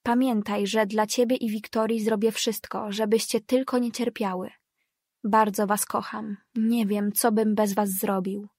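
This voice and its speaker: A woman's voice: mid-range voice, level tone, a little slow, darkish tone, slightly rough, no room sound, clean studio sound. A woman reading the lines of a heartbroken, tearful middle-aged father in an audiobook, subdued and shaky. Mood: tender.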